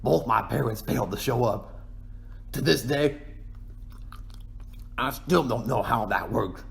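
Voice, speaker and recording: Cartoon penguin king, male performer: gravelly mid-pitched voice, folksy and aggrieved, boastful yet self-pitying, rambling ASMR monologue. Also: measured pace.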